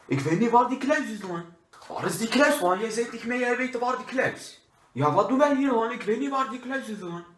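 A man's voice: very high-pitched, fairly quick, a bit bright, a little hiss or hum, voice pushed up. A young man playing a bickering, football-mad Turkish-Dutch burglar in a comedy sketch, with emphatic, repetitive broken Dutch and a Turkish accent. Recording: roomy echo of a bare room.

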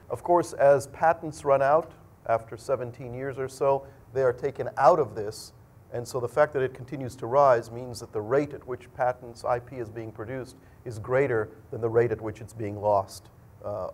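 Standing at a podium in an indoor lecture room, a middle-aged school dean presents to students, explaining things in a conversational manner. His voice has a medium pitch and a darkish tone.

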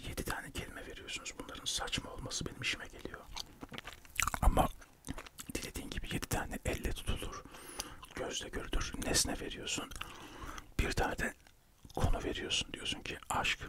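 Whispering man chewing gum. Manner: chatty, rambling storytelling. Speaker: ASMR video creator. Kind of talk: whispered ASMR chat.

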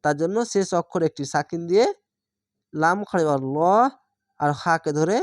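A woman teaching Quran reading from Bangladesh, spelling each syllable slowly, then blending it into the whole word. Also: sits low, no room sound, clean studio sound. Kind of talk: slow spelled-out recitation lesson.

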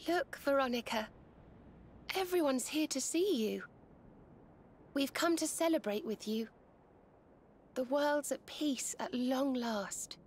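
An actress voicing a gentle, earnest young woman companion in a video game, speaking softly and with feeling. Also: high-pitched, slow pace, pauses often, slight background noise. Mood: tender. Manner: soft, heartfelt, consoling.

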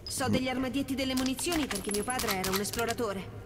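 A woman's voice: on the high side, quick pace, noisy background, close to an everyday voice. Woman voicing Sasha, a scared little girl. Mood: earnest. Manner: childlike, earnest and pleading. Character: small lost girl, frightened but brave. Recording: game dialogue over loud music.

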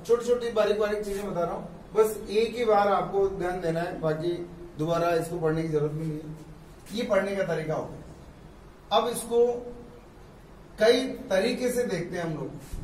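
Man, physics teacher, high-pitched, patient step-by-step lecture, far from mic in an echoey classroom. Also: slight background noise. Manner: explains step by step, repeating terms slowly.

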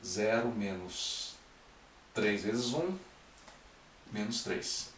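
A man's voice: on the low side, animated, very slow, a bit bright, slight background noise. Man explaining matrix steps, echoey room. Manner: explains step by step, checking in with "né?" and "ok?". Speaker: math teacher. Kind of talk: recorded classroom-style lecture. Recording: echoey room, mic at a distance.

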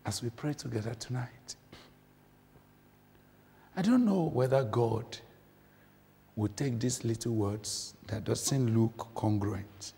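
A man preaching a sermon, impassioned, moving from loud declarations to hushed near-whispers. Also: mid-range voice, slow, long pauses, a little hiss or hum. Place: church. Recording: church hall reverb.

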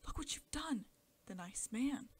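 A woman's voice: a little high, sing-song, brisk, vocal fry, slightly rough, heavily acted. A woman voicing a worried mother who scolds her stubborn child in a story reading. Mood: scolding. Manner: scolding, fretful. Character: anxious, scolding mother of a sick girl.

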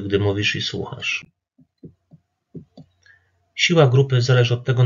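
Gravelly, husky man teaching calmly. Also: lowish voice, highs cut off. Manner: calm, instructive, addresses listener directly. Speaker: addiction therapist. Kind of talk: talking-to-camera presentation.

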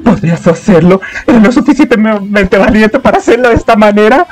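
A man with a Colombian accent hosting a reaction video, talking excitedly and exclaiming at his viewers. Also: sits high, fairly quick, faint music behind. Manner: animated, exclamatory, chatty with viewers.

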